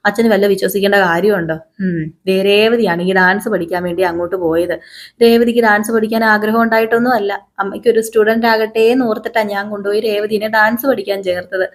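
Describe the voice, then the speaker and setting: A woman's voice: mid-range voice, fairly even intonation, fast talker, lightly acted. Woman doing an earnest young son. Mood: pleading. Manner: persuasive, explaining.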